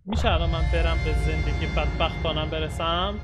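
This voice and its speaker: A young man hosting a horror game let's play, excitable and swearing as he talks to his viewers. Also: fairly high pitch, over loud music. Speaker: gaming channel host.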